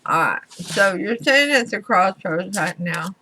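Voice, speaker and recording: Lady doing tarot reading, real slow, sharp bright voice, bit slurred like her mouth is swollen. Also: mid-range voice, expressive, a little hiss or hum, rough recording. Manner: deliberate, pausing between short phrases. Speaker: tarot reader. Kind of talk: tarot reading, talking to viewers.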